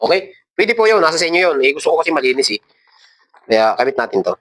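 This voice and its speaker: A fast-talking, very animated man, pitched fairly high and a bit bright, hosts a casual tutorial in a Filipino accent, handling parts while giving step-by-step instructions.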